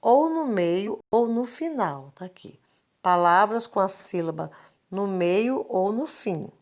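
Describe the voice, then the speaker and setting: Woman teacher, unhurried screen-recorded lesson, repeats each point patiently, mid-pitched voice. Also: animated, darkish tone. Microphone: screen recording, device mic.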